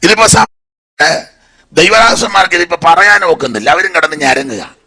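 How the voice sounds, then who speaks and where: A man pastor with a Malayali accent delivers a sermon in a church hall, rattling off lists and turning to the congregation with asides. His voice is bright and forceful, with a husky edge from a blocked throat. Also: fairly high pitch, moderate pace.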